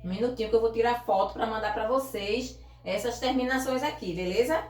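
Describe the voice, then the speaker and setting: A woman teaching a grammar lesson to a class. She explains slowly and patiently and often checks that the students are following. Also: on the high side, reverberant.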